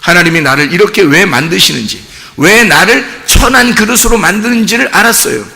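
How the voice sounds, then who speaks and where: A man preaching a sermon as pastor, telling a story with animated voices for each figure. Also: sits high, brisk, vocal fry. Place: church sanctuary. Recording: long hall reverb.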